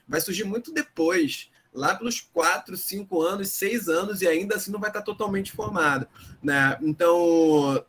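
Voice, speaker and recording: A middle-aged man with a Rio de Janeiro accent, a school director giving a chatty webinar talk to parents, often tagging "né?" and acting out anxious parents in a high voice. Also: fairly bright tone, a little hiss or hum. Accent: Rio de Janeiro Portuguese.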